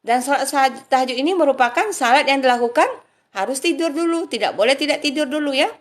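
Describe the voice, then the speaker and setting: A woman giving an earnest, informal religious talk, softly reciting prayer phrases along the way. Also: high voice, fast talker. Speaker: religious speaker.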